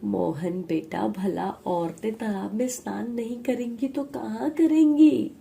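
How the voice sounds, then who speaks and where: A slow, emphatic old village headman with a low, gravelly voice, put on by a woman narrator. He speaks deliberately to his son in a dark, mellow tone. Stern and set in his ways. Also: a little hiss or hum, heavily acted. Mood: fatherly.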